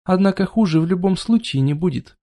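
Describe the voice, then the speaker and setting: A man reading an audiobook, narrating a first-person fantasy story in an even, measured way. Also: sits high. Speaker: audiobook reader.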